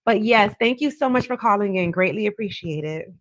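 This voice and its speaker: A woman speaks as a psychic hotline host in a close, dry recording at a medium pitch. She chats through tarot readings conversationally, greeting and thanking her callers effusively and addressing them with easy familiarity. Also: lively intonation, a little fast, dry recording, muffled recording. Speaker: psychic tarot reader hosting a live call-in.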